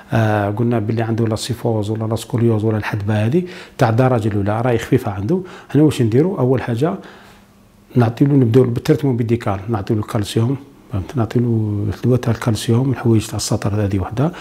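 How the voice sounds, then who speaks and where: A man's voice: mid-range voice, steady tone, rapid-fire, dark tone. A man with an Algerian Arabic accent, a doctor explaining a medical topic to TV viewers step by step, dropping French medical terms into his dialect. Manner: lists points step by step.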